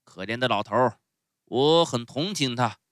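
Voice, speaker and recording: A blustering, bearded puppet-show master, loud and gruff yet soft underneath, as a man reading a storybook puts him on. He barks his words in a raised, forceful voice, lively in pitch. The sound is dry and close. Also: moderate pace, dry recording, natural voice. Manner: loud booming scolding with stuttering sneezes.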